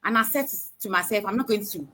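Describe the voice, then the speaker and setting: Speaking fast in a bright, pushed, medium-pitched voice, a woman on a live stream panel gives personal testimony. She tells her own story earnestly but hesitantly, with many fillers.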